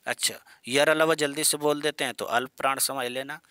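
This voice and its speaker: A man's voice: medium pitch, fairly even intonation, moderate pace, bright, forceful tone, clean tone, no room sound. A man teaching Hindi grammar in an online exam-prep lesson. He asks his students questions and repeats the key terms, with playful jokes and mild scolding.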